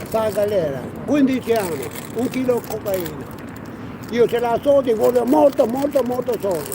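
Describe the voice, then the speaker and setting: A man's voice: very high-pitched, animated, moderate pace. A man in his sixties with an Albanian accent, a non-native speaker chatting on the street in broken, fragmentary sentences. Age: 60s. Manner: broken Italian in short fragments. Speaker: street passerby receiving a charity gift. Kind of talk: casual street chat. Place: outdoor city street. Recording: noisy outdoor city street with traffic.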